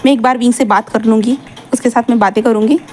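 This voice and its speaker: A woman's voice: fairly high pitch, steady tone, quick pace, a little mellow, slight background noise, lightly acted. A woman voicing a haughty, scheming older woman who speaks with cold scorn, read out within a fan-fiction story. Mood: cool.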